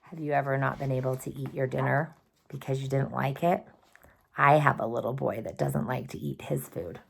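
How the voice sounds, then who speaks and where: A woman storyteller reading a rhyming children's picture book aloud with slow, expressive sing-song rhythm. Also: very deep voice, vocal fry, husky.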